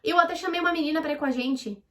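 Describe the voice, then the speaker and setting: A young woman with a Brazilian Portuguese accent chats through a story for her vlog. Her voice sits high and bright, and she talks in a lively, animated way. She acts out what people said as she goes. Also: rapid-fire. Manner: chatty, animated, acts out quoted dialogue. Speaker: vlogger.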